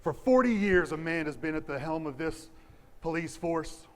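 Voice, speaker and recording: A man plays a domineering old police chief in a stage musical. He speaks in a commanding, scornful way. His voice sits a little high. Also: lively intonation, moderate pace, close to an everyday voice. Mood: threatening. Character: stern older male police chief, domineering.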